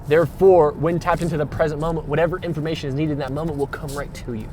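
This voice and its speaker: A man's voice: fairly high pitch, steady tone, quick pace, noisy background. A man giving a rambling spiritual monologue, slangy and emphatic, repeating himself and swearing freely, with rhetorical questions. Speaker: spiritual vlogger.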